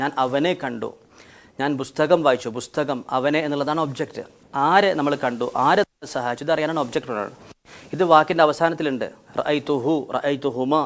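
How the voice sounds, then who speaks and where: A man teaching Arabic grammar in a lesson, patiently explaining and reciting conjugations in drilled lists, mixing in English grammar terms. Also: medium pitch.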